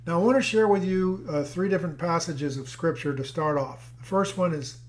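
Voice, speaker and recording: A man's voice: fairly high pitch, fairly quick. A male pastor giving a sermon in a conversational, storytelling way.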